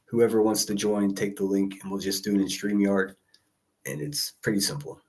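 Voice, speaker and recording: Lower-voiced man hosting a casual livestream. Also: little pitch movement, moderate pace, a little mellow. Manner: informal, coaxing and greeting listeners. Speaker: live call-in show host. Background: background music.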